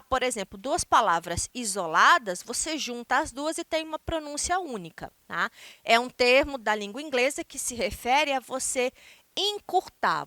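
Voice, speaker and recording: A Brazilian woman teaching an English grammar lesson, explaining step by step and reading English examples slowly and clearly. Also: high-pitched, sharp tone, no echo. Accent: Brazilian Portuguese. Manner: explains step by step, ending points with "tá?".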